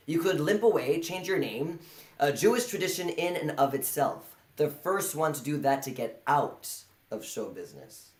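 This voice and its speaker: An echoey indoor performance hall holds a man's live monologue, in which he portrays a crude, sardonic, bitter failure full of self-loathing. He speaks at medium pitch in a natural voice.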